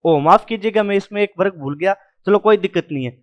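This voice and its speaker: High-voiced male grammar teacher. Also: quick pace, lo-fi sound. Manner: drills sounds aloud, repeats "ठीक है" often. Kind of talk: classroom lecture at a whiteboard.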